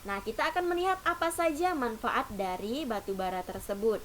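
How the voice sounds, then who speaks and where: A primary school teacher with a highish voice, speaking a little fast, patiently teaches young children and often starts her sentences with "nah." There's faint hiss on the recording.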